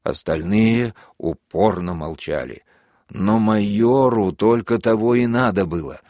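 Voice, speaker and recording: A man reads a classic novel aloud in a measured, even narration. His voice sits fairly low. The recording is dry and close, with no room sound. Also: no room sound. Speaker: audiobook narrator. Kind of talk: scripted literary narration.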